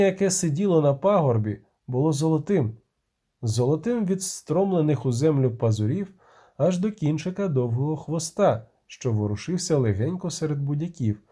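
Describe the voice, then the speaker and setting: Expressive audiobook narrator man. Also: a little high, husky. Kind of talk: scripted narration.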